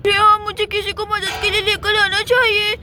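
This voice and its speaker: A woman's voice: very high-pitched, level tone, unhurried, pushed and bright, slight background noise, heavily acted. A woman voicing a scared little girl who talks in a tearful, pleading way. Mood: frightened.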